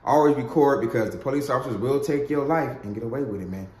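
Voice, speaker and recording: A man's voice: mid-range voice, fast talker, a little mellow, reverberant. Slangy man saying "man" after every phrase. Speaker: YouTuber. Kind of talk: vlog intro and recording a confrontation.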